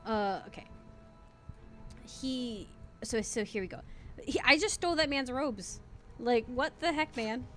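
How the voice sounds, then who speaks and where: A woman's voice: on the high side, lively intonation, measured pace, long pauses. A woman giving casual, chatty commentary as she streams a game. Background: game music.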